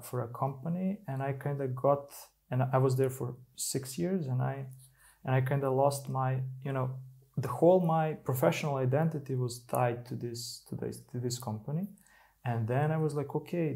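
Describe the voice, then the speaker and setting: Gravelly podcast host, halting speech. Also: male voice, mid-range voice, darkish tone. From Serbia. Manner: halting, many restarts. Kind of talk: casual interview talk.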